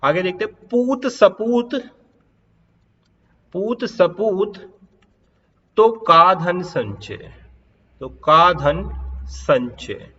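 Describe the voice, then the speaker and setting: A man teaching an exam-prep grammar lesson, repeating key points, checking if students follow, and reading examples slowly. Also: high voice, animated, pushed and bright, in a large hall, muffled recording. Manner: repetitive, checks understanding, drawn-out example lines.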